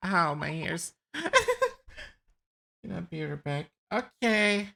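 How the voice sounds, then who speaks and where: Chatty lady streamer reacting to a game, slow-ish, bright voice. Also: fairly low pitch, huge pitch swings, gravelly, a little hiss or hum. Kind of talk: casual game commentary.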